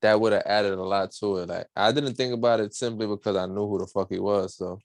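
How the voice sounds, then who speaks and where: Gravelly low-voiced man, laid-back. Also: fairly even intonation, brisk, dry recording. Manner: laid-back, laughing, profane slang. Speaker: podcast co-host. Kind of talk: casual wrestling review chat.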